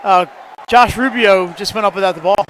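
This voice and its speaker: Guy doing play-by-play for a hoops game, high voice, bit of gym noise behind, cracks jokes. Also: a bit bright. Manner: quick, jokey calls that rise on big plays. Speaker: play-by-play announcer. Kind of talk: live basketball play-by-play commentary.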